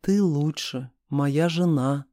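A man voicing a stubborn, devoted young husband who speaks calmly and evenly. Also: a little high, takes it slowly, no room sound, clean studio sound.

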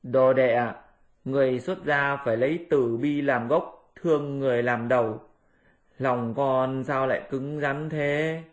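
A tender-hearted old monk master, speaking slowly and mournfully in a middle voice, as a male storyteller puts him on. He preaches compassion in drawn-out phrases. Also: medium pitch, steady tone, lightly acted. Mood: pleading. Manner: slow, lamenting, preachy.

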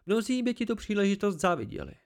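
A man's voice: high voice, big pitch swings, voice pushed up. A man putting on a cold dry tree spirit. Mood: haughty. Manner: dry, cold, disdainful, slow.

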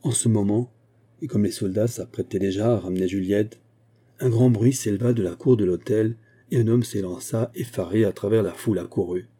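A man reading a nineteenth-century novella aloud in a steady, literary way. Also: on the low side, fairly quick, breathy edge. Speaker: audiobook reader. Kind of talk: scripted narration.

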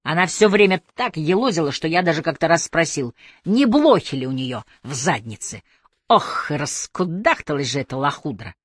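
A woman voicing a brash, crude young Australian man who mocks others loudly in coarse slang, in an audiobook. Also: deep voice, very animated, moderate pace, no room sound, clean studio sound. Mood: brash mocking. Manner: loud, coarse slang, mocking.

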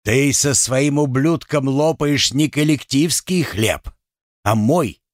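A man reading an audiobook, voicing a violent, furious Cossack husband who shouts abuse at his wife. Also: medium pitch, slow, no echo, studio quality, close to an everyday voice. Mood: enraged.

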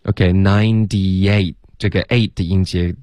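Captured in a dry, close recording without echo, a man with a low, deep, darkish voice coaches pronunciation. He repeats sounds slowly as models, corrects them patiently, and mixes English words into what he explains.

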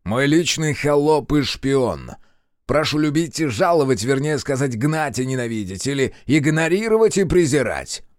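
A man's voice: mid-range voice, big pitch swings, normal speed, dry recording, clean studio sound, voice pushed up, lightly acted. A man voicing a brash, insolent captive creature with long ears, who howls and snarls his words. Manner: howling, shouting and snarling.

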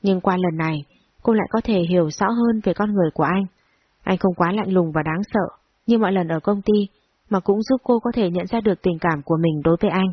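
A woman narrating a romance audiobook in a soft, steady storytelling manner. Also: fairly low pitch, a little fast, breathy edge, dry recording. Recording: dull lo-fi recording, dry.

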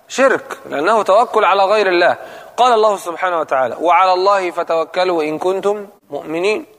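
A man's voice: high voice, a bit bright, in a large hall. A man giving a religious lesson, who puts questions to his listeners and repeats his key points. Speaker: preacher.

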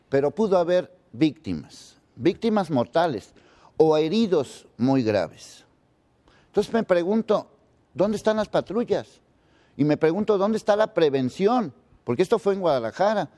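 A man's voice: on the high side, dark tone. A man giving indignant news commentary, repeating pointed rhetorical questions.

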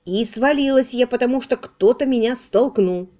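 A woman voicing a shaken but firm heiress in an audiobook, speaking in a mellow, measured way. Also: fairly high pitch, pitched above the performer's own voice, natural voice.

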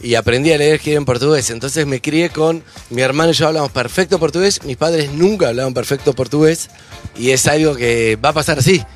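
A male host chats playfully and retells stories with animated quotes. His voice sits a little high for a man, and faint music runs behind him. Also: a little fast. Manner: playful storyteller, acts out quotes. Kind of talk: casual radio chat.

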